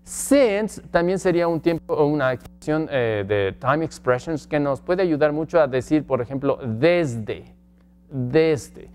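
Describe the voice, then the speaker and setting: A man teaching English grammar from slides, slowly stretching out example phrases and asking the class questions. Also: a little high, darkish tone. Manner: slow, drawn-out model phrases in English. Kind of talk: slide-based grammar lesson.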